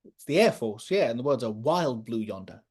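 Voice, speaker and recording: A woman voicing the Doctor, an eccentric male alien time traveller, in a fan audio drama, rambling through quick explanations. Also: rumbling low, big pitch swings, darkish tone, slightly rough, heavily acted. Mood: uneasy rambling.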